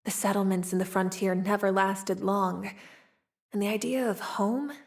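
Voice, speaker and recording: A young woman voices video game lines for a playful, streetwise, wry frontier woman with a tail. Her medium-pitched voice is gravelly and lightly acted, with a steady tone at normal speed. The mood is wistful and world-weary, and she teases slyly, drawling and sighing between wry remarks.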